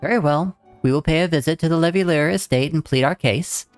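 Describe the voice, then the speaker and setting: A man voicing a calm, determined female sorceress scholar in a measured, formal way. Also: a little high, faint music behind, voice pushed up, natural voice. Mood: polite. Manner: measured, formal reading of game dialogue.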